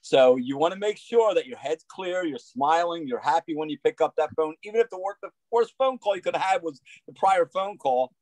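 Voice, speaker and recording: An energetic man in his sixties talks as a guest in a casual interview, leaning on "you know" as he goes. His voice sits a little high for a man. The sound is close and dry, as if over a video call. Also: a little fast, hardly any pauses, no room sound, low-quality recording. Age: 60s. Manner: upbeat, energetic, many "you know" fillers. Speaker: guest, roofing salesman.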